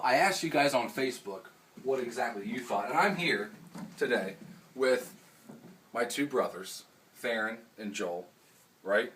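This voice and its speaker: In a medium-pitched, slightly bright voice, a man hosts a casual vlog, chatting and commenting emphatically with rhetorical questions. The audio comes from a distant mic with a faint noise floor.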